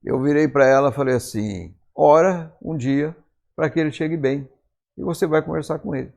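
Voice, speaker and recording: Gravelly-voiced Brazilian preacher telling stories. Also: male voice, fairly high pitch, normal speed, darkish tone. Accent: Brazilian Portuguese. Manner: conversational, acts out quoted dialogue. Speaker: pastor. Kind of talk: storytelling sermon. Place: church.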